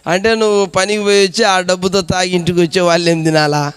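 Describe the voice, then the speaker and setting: A man's voice: high-pitched, flat delivery, quick pace, clean tone, no echo. A man preaching a sermon as a pastor, exhorting the congregation with rhetorical questions. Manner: repetitive preaching cadence.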